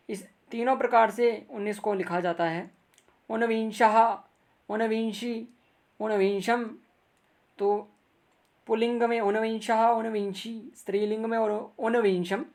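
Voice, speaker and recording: A man's voice: sits high, darkish tone. A man teaching grammar in a recorded video lesson, reciting word forms carefully and drawn out, and speaking patiently and directly to viewers.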